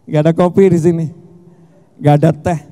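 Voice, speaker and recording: A middle-aged man preaching a sermon at a festival, telling stories with jokes and shouting for emphasis. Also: fairly high pitch, a little fast. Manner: animated, joking storytelling with shouted emphasis. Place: large hall at a religious festival. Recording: long hall reverb.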